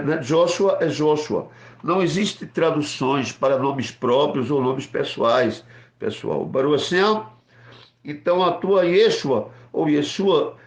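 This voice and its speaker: A man teaching scripture as a rabbi, speaking slowly at a middling pitch. He explains patiently, spelling out letters and checking in with his listeners. The recording carries a roomy echo.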